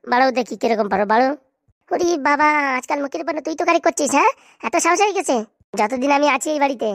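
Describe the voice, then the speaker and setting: A woman's voice: high voice, no room sound, clean studio sound. Woman doing a scolding, scheming cartoon housewife. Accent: Bengali. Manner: bickering, coarse scolding. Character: quarrelsome middle-aged housewife scheming for money.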